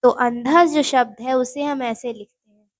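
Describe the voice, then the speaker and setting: A woman's voice: sits high, steady tone, moderate pace, no room sound, low-quality recording. A woman teaching Hindi spelling for exam preparation, explaining words step by step and chatting directly to her viewers. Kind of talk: spoken exam-prep lesson.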